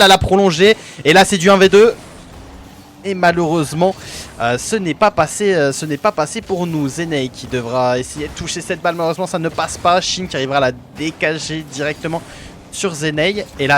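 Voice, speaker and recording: A man's voice: on the high side, a bit bright, slight background noise. A man giving amateur play-by-play commentary on an esports match for his own team, hesitant, with many fillers and self-corrections.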